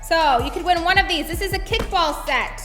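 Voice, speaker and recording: A woman's voice: very high voice, moderate pace. A woman hosting a children's church segment, casually presenting prizes to viewers in a reverberant space. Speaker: children's church host, toy reviewer. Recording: long hall reverb, faint music.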